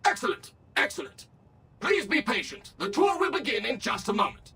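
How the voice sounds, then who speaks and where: Brief: slick android guide for a game, high, gravelly edge, servile and scripted. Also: male voice, sing-song, moderate pace, sharp tone, full character voice. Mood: chipper. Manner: courteous, eager-to-serve, scripted. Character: smooth, overly polite male robot tour guide. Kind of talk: video game voice acting.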